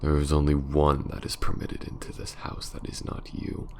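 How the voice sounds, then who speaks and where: In an ASMR roleplay, a man with a very deep, darkish voice plays a menacing, aristocratic vampire lord, slow and theatrical, often sinking into a sinister whisper. His delivery is completely flat, his mood mocking and predatory, with a little hiss or hum in the recording.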